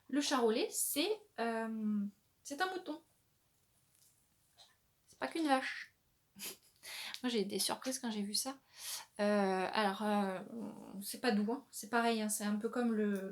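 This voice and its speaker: Chatty woman, hesitant, slightly high voice. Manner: chatty, hesitant, many fillers and restarts. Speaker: knitting podcast host. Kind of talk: casual show-and-tell chat.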